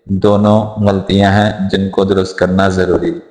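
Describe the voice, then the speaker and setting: A man teaching correct prayer recitation, chanting the verses slowly and drawn out, then explaining common mistakes in plain speech. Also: low voice, level tone, darkish tone, roomy sound. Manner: alternates slow drawn-out chanted recitation with brisk spoken explanation. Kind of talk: slow recitation lesson with spoken corrections.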